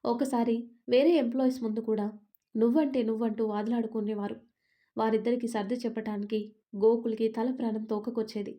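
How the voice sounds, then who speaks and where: Calm woman storyteller, mellow voice. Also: a little high, fairly quick. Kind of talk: scripted story narration.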